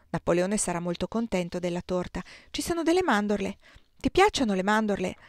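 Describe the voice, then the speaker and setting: A woman reading the part of a chatty young woman who gushes in rapid chatter. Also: a little high, a little mellow, no room sound, studio quality, lightly acted.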